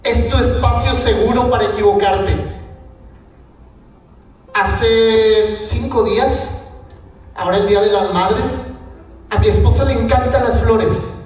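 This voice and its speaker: A man's voice: high-pitched, fairly even intonation, takes it slowly, pauses often, recorded from a distance. A man in his thirties with a Mexican Spanish accent gives a conference talk, telling family stories and acting out what his daughter and wife said. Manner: storytelling, acts out his daughter's and wife's lines. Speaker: speaker at a family ministry conference. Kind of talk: conference talk with personal anecdote. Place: large hall with audience. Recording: echoey hall, mic from afar, faint music.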